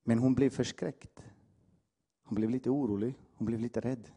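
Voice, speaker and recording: A male preacher delivers an impassioned sermon in a dark, mellow voice. He pushes hard on his calls to the congregation, then drops low for quiet asides. His carries a slight edge. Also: fairly even intonation, slightly rough. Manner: impassioned, swings from loud exhortation to hushed asides.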